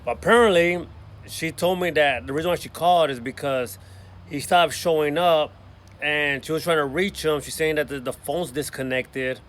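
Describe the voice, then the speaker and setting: A man's voice: a little high, moderate pace, a bit bright. Chatty man vlogging outdoors. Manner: chatty, repeats "you know what I mean" and "y'all". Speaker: lawn care business owner. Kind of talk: casual vlog talk to camera. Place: outdoors in a yard.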